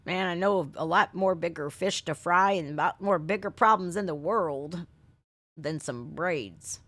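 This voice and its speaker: An American woman hosts a livestream reaction, chatting and ranting casually in blunt, sweary, folksy slang. Her voice is lowish and a bit bright, her pace a little slow, with no room sound on the recording.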